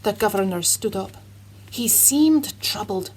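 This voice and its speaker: A woman voicing a cheerful Scottish man who tells a Bible story to children in an earnest, dramatic way, with a husky voice and a put-on Scottish accent. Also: medium pitch, lively intonation, a little slow, a little mellow, poor audio. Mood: solemn.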